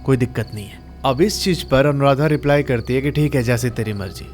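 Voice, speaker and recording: A man's voice: medium pitch, brisk, darkish tone, soft background music. Chatty male storyteller. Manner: chatty, addresses listeners as friends. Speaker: horror story narrator. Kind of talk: casual storytelling narration.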